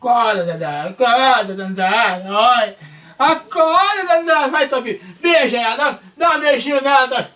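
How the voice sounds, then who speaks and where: High bright-voiced woman vlogging at home. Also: normal speed. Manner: playful, loudly calls out repeated wake-up cries. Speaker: vlogger host. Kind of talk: casual home vlog.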